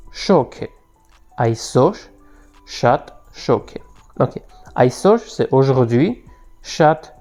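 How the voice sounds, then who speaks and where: Slow, mellow man teaching. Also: mid-range voice. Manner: patient, repeats words for learners to echo. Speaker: language teacher. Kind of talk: online language lesson.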